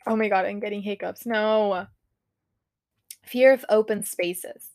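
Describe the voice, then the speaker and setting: Young woman, solo podcast host; unhurried, giggly and foul-mouthed, reading a list aloud; dry close mic. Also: mid-range voice, fairly even intonation, a little mellow, no echo. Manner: giggly and frank, swears, reads a list aloud. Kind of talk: casual solo podcast chat.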